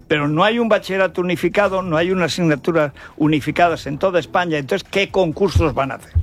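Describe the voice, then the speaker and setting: This older man's voice is a little high with a fairly bright tone, and his accent is from Spain. On the radio, he gives opinionated, colloquial commentary, sounding indignant and firing off rhetorical questions.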